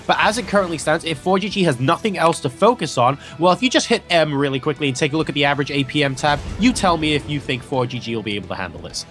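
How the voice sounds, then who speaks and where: Casting a video game match, this Hong Kong esports commentator sounds animated, his voice on the high side with a fairly bright tone. Between detailed build analysis, he banters quickly and jokes lightly with his co-caster, with soft music behind them.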